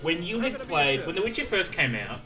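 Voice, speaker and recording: Man, teasing banter, slightly high voice, off-mic with loud game music. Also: very animated, brisk, recorded from a distance. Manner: teasing, joking storyteller. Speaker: co-host. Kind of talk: casual gaming stream banter.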